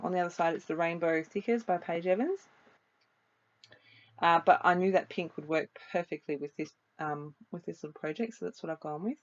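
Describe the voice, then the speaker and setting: A woman with a lowish, slightly croaky voice casually narrates a voice-over for her craft video, chatty and full of ums. The sound is lo-fi.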